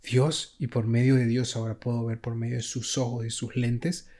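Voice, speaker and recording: A man speaks as a guest on a faith podcast and shares his testimony. He talks in a reflective way and often pauses with fillers as he looks for words. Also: medium pitch, little pitch movement, dark tone.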